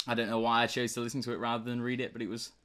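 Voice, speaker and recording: A man's voice: medium pitch, monotone, racing, fairly bright tone, a little hiss or hum. A young British man co-hosting a book review chat, talking casually and rambling with lots of fillers and restarts. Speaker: book review podcast co-host.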